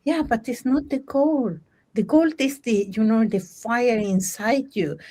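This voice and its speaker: A woman's voice: a little high, warm tone. A woman coach, not a native English speaker, talking in a casual discussion and often stopping to search for words. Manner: halting, searching for words, many restarts.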